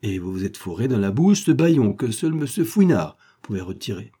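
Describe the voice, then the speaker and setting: A man's voice: on the low side, very animated, fairly quick, slightly rough. Man doing a blustering angry police chief. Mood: exasperated. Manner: blustering, angry, shouting questions. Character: exasperated middle-aged male police chief. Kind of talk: audiobook character voice.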